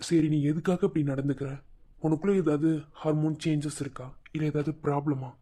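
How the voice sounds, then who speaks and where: A man voicing a calm, soothing younger brother. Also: on the high side, brisk, lightly acted. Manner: soothing, patient. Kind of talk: cartoon voice acting.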